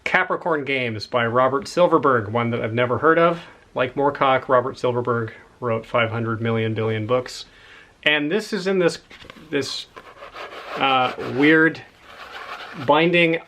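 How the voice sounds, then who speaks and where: A man's voice: mid-range voice, unhurried, a bit bright, slight background noise. A man in a casual, rambling chat about books he has found, enthusiastic and a little out of breath. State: slightly out of breath. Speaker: book collector showing a haul.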